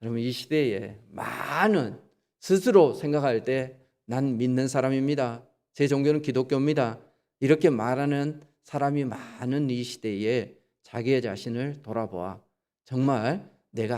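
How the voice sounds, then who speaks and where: A man's voice: mid-range voice, expressive, moderate pace, gravelly, darkish tone, big-room sound. A male pastor giving a sermon in a church, talking conversationally, asking the congregation questions and acting out quoted lines. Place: church sanctuary.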